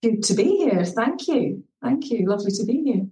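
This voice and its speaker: A Scottish well-being coach in her thirties joins a podcast interview by remote call from her home in Turkey, speaking earnestly and reflectively. Her voice is fairly high, sing-song and mellow at a moderate pace, heard far from the mic in an echoey room with faint music.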